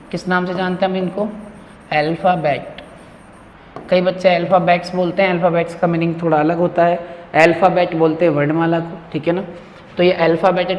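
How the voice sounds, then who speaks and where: A man teaching an English grammar class, often repeating key words as questions to his students. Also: sits high. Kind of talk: classroom lecture. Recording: echoey classroom, faint hum.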